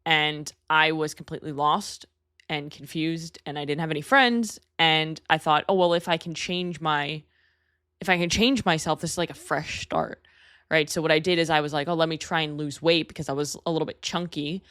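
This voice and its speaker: A woman in her thirties from New York talks through her own podcast in a low, candid voice, chatty and a little self-deprecating. The sound is dry and close, with no room behind it. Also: normal speed, fairly bright tone, no room sound. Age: 30s. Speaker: podcast host. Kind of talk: solo podcast talk.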